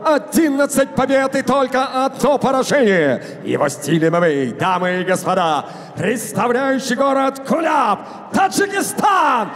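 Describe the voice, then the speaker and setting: A man giving a booming stage introduction as a ring announcer, formal, with drawn-out shouted names. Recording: booming hall reverb, faint crowd.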